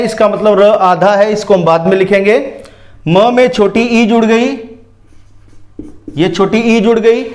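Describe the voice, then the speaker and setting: Male teacher, high voice, slow and patient, walks children through each step and checks they follow. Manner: slow, patient explaining with frequent questions to pupils. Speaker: Hindi grammar teacher. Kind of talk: classroom lesson.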